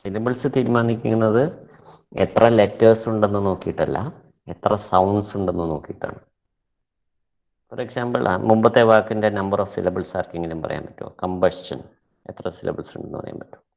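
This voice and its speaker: A man teaching an online class, speaking deliberately and repeating words slowly to model pronunciation, and switching into Malayalam to explain. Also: on the low side, creaky, muffled recording. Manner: switches between English and Malayalam. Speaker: English teacher.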